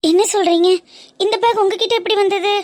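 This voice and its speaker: A woman's voice: very high-pitched, steady tone, a little fast, darkish tone. A woman voicing a remorseful, apologetic young woman in a family cartoon. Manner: pleading, self-blaming. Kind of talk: cartoon dub acting.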